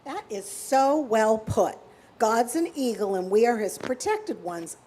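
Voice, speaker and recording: Higher-pitched woman in an amateur skit. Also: animated, unhurried, dark tone, rough recording. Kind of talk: scripted comic lines in an amateur play.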